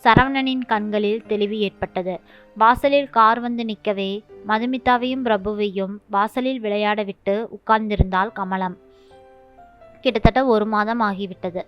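A woman storyteller reading a short story aloud in a steady narrating voice. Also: mid-range voice, unhurried, smooth. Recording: dull lo-fi with faint background music.

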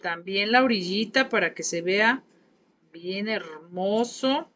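A woman's voice: medium pitch, slow pace, fairly bright tone. Chatty Mexican woman teaching a craft class. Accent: Mexican Spanish. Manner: chatty, gossipy, coaxing viewers to talk. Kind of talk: live painting class chat.

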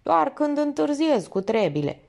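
A woman's voice: high-pitched, sing-song, a little mellow, pitched above the performer's own voice, exaggerated voice. A woman reading as a weary rustic truck driver. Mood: plaintive. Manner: hoarse, unsure, rustic speech. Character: weary middle-aged male truck driver.

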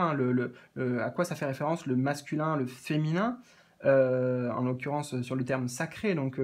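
A man with a slightly high voice reads oracle cards for his viewers. He talks gently and haltingly, often restarting and repeating words as he addresses the listener directly. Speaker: oracle card reader. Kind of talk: spiritual guidance reading.

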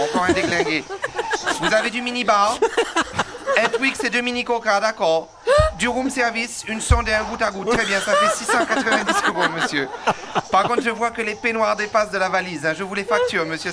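A bossy, harried middle-aged receptionist, as a man puts her on, her voice pitched very high. She barks orders at callers without pausing, and the radio studio line carries a clear hiss of noise. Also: lightly acted. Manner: bossy, snaps at callers mid-sentence. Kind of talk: radio comedy sketch.

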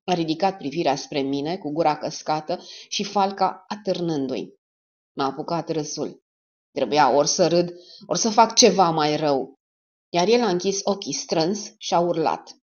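A woman narrating a dark crime audiobook in a steady, measured reading voice. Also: low-pitched. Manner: steady, measured reading with lively rises and dips. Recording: slightly dull lo-fi recording.

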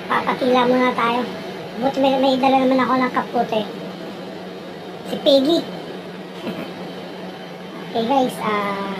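A woman's voice: fairly high pitch, background noise. A woman vlogger from the Philippines, chatting casually to her viewers with lots of fillers. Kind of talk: casual moto vlog narration. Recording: voice over loud background music.

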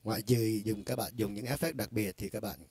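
Low gravelly man explaining a demo. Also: steady tone, fairly quick, a little mellow. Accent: Vietnamese. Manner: loose and conversational, with frequent filler words. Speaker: music store product demonstrator. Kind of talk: casual instructional demo.

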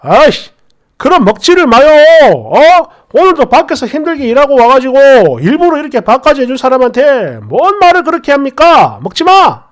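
A woman's voice: high-pitched, sing-song, moderate pace. Woman doing a blunt young husband snapping back, hot-tempered, storybook style. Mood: angry.

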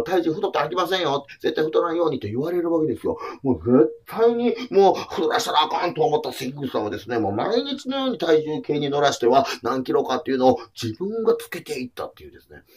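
A man in his forties with a Kansai accent, a comedian telling a film's story with lively acted-out quotes. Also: medium pitch, husky. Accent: Kansai Japanese. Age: 40s. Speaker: comedian reviewing a documentary film. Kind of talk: animated comic film talk.

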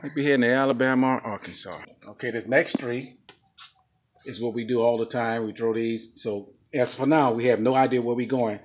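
A man's voice: mid-range voice, steady tone, fairly quick, slight background noise. Upbeat man talking to the camera. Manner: upbeat, explains to viewers, laughs easily. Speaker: vlog co-host. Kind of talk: casual vlog chat. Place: outdoor patio and garage of a home. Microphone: camera a few feet away.

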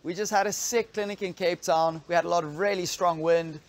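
A man's voice: sits high, fairly even intonation, fairly quick. A man in his thirties, an enthusiastic kitesurf coach, talking to camera outdoors by a pool on a lapel mic. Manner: upbeat, enthusiastic, laughing. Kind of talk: promotional vlog talk to camera.

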